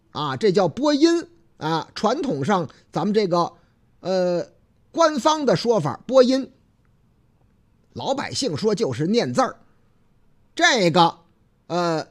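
A male radio host with a thick Beijing accent chats with listeners in a loose, folksy way, trailing off into drawn-out filler particles. His voice is animated, swinging up and down in pitch. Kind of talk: casual radio talk show chat.

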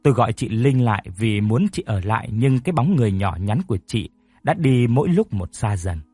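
A man narrating a story in a steady, mournful tone. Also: medium pitch, brisk, husky, no echo. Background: faint music.

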